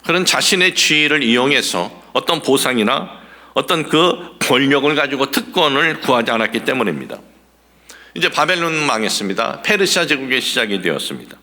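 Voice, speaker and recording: A man's voice: medium pitch, sing-song, brisk, sharp tone. A middle-aged man preaching a sermon as a pastor, asking the congregation rhetorical questions and building up to emphatic passages.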